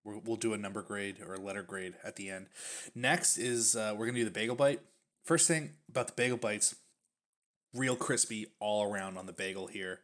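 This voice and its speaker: With a fairly low, a bit bright voice and fairly even intonation, this man talks fairly quickly while reviewing snacks on his stream. He's casual and chatty, leans heavily on fillers, and speaks while chewing at times.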